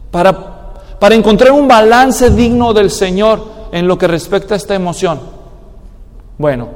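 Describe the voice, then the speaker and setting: Preaching a sermon with emphasis, a man with a high-sitting, darkish voice occasionally mimics people's excuses in a mocking tone. Long hall reverb colors the recording.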